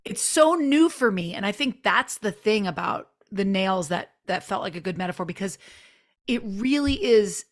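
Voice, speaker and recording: Laughing woman joining a sermon chat. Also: medium pitch. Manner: laughs often, warm enthusiastic agreement. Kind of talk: conversational sermon dialogue.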